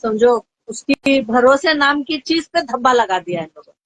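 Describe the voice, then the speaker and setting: Woman, high voice, emphatic repeated agreement, dry close sound. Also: animated, moderate pace, dry recording. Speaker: guest, fraud victim. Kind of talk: casual chat.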